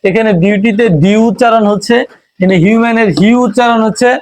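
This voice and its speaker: A man's voice: high-pitched, fairly even intonation, fast. A man with a Bangladeshi accent teaching English reading in a phonics lesson, patiently spelling out letters and sounds. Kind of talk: Bengali-language phonics lesson.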